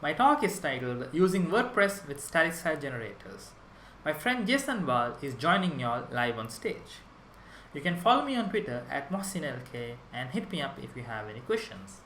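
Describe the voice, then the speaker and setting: A man's voice: fairly high pitch, big pitch swings, normal speed, sharp tone, echoey room, a little hiss or hum, poor audio. A young man from Sri Lanka giving a prerecorded conference talk on web development, enthusiastic and explanatory, with small restarts.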